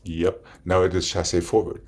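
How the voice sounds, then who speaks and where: A man's voice: low-pitched, flat delivery, moderate pace, darkish tone, husky. A man teaching ballet, directing firmly and calling out combinations step by step in short rhythmic phrases. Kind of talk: dance instruction, calling out combinations.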